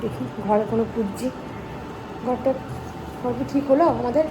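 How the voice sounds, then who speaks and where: A woman vlogger with a hoarse voice, chatting casually to her viewers as she cooks in her home kitchen. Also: on the high side, moderate pace, noisy background. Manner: chatty, talks straight to viewers. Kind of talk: casual vlog narration while cooking.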